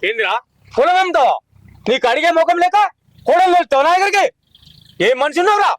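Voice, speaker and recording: A man's voice: extremely high pitch, animated, fast talker, fairly bright tone, no room sound, rough recording. An actor playing an old village farmer with a Telangana Telugu accent who guards his family land and scolds his son. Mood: scolding. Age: older. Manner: scolding, pleading. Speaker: farmer father. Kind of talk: village short film acting.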